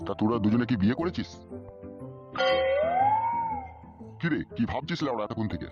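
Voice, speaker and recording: Man voicing a swearing landlord father, rapid-fire talk, music behind. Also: mid-range voice, lively intonation, lo-fi sound, natural voice. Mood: gruff. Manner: swears constantly, barking and scolding. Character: foul-mouthed hot-tempered middle-aged village father and landlord. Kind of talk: comic audio drama. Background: background music.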